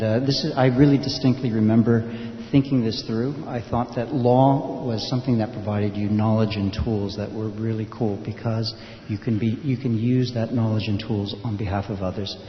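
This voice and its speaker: A man from the United States, a panel speaker, telling his story quickly and correcting himself as he goes. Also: on the low side, steady tone, soft background music. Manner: quick, loosely structured, self-correcting. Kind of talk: personal story at a panel event. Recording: dull echoey hall with faint hiss.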